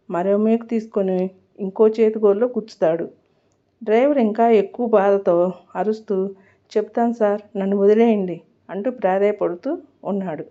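A woman reading a serialized story aloud in a steady, dramatic way. Her voice is mellow and dark. The recording is dull and lo-fi. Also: medium pitch. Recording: muffled lo-fi recording.

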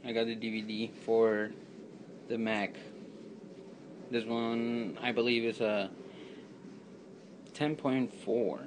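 The background is noisy as a man with a lowish voice gives a casual computer tutorial, spelling out commands letter by letter. He's at a desk indoors filming his laptop screen with a handheld camera, delivering it flatly at a slow pace with frequent pauses.

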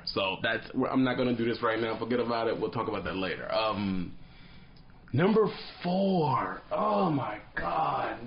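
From a dim, compact room, a thirties-aged trucker vlogs to camera in a mid-range voice, animatedly telling slangy stories and acting out little scenes. Expect dull audio and slight background noise.

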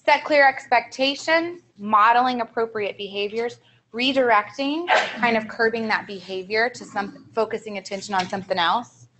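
Bright-voiced woman co-presenting a seminar. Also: a little high, normal speed, a little hiss or hum, rough recording. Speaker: early childhood trainer.

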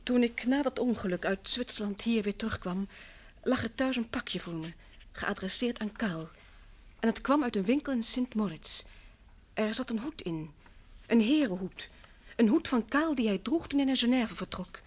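In a vintage radio play, an actress portrays a distraught, insistent wife convinced her missing husband is still alive. Her slightly high voice is animated and moves at normal speed. She explains earnestly and emphatically, turning hesitant and repeating herself when upset.

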